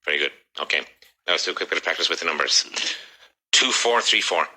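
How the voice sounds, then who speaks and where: Irish-born male English teacher, bright tone, low-ish voice, brisk corrections. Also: expressive, poor audio. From Ireland. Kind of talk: classroom drilling.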